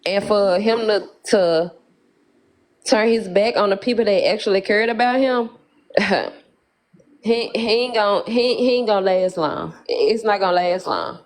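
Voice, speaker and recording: A woman's voice: mid-range voice, measured pace. Preachy woman with a Memphis accent. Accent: Memphis Southern. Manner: preachy, emphatic, laughs often. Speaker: live stream guest. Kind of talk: casual live chat.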